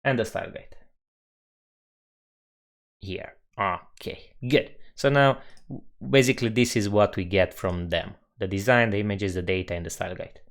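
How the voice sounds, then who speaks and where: A young man from Romania with a Romanian accent, live-streaming a coding tutorial and thinking aloud at his desk. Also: on the low side. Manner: unhurried, musing, reads chat aloud.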